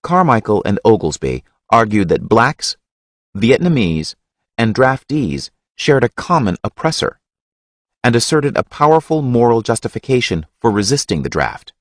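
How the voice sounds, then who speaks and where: A man reading a history audiobook in a measured, expressive narration. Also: medium pitch, no room sound, clean studio sound.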